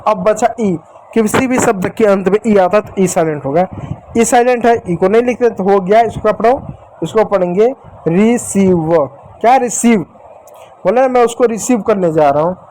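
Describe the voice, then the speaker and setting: A man's voice: high-pitched, darkish tone, a little hiss or hum, poor audio. A male teacher giving a whiteboard spelling lesson, repeating himself and asking and answering his own questions. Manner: addresses viewers as dear children. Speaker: English teacher.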